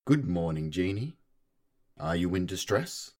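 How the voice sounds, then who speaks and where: Man as a deep-voiced polite AI assistant. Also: very animated, measured pace, a little mellow. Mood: polite, calm. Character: polite household AI assistant, calm male machine.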